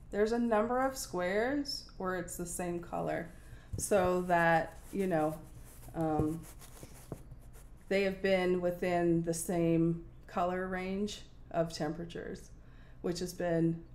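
A woman from Nova Scotia in her forties, chatting casually about her cross-stitch project at home, thinking aloud with plenty of ums. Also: fairly low pitch. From Nova Scotia, Canada. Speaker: cross-stitch video host. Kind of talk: casual show-and-tell chat. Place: home room with window blinds, indoors. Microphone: fixed camera at desk distance.

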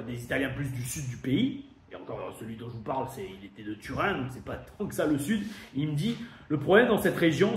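A man from France giving a chatty, emphatic review monologue as host of his wrestling show. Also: a little high. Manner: chatty, emphatic, thinks aloud. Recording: echoey room with faint noise.

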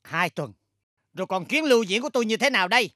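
An actress plays a theatrical boss who scolds and frets over every setback. Her voice is bright and forward, recorded dry and close. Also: mid-range voice, expressive, fast, no room sound. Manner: dramatic, scolding, exasperated. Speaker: boss of a music company. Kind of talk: sitcom acting.

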